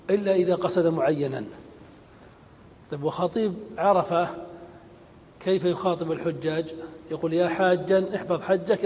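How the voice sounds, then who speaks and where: A man teaching a grammar lesson, slow and deliberate, repeating each rule and giving spoken examples. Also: a little mellow. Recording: long hall reverb with faint rumble.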